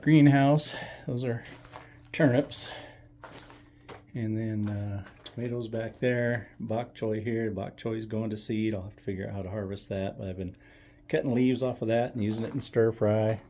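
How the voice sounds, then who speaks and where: A man's voice: fairly low pitch, steady tone, moderate pace, warm tone. Easygoing older man touring his garden. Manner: easygoing, meandering, plain-spoken. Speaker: home gardener. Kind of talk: casual garden walkthrough. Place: outdoors in a backyard garden.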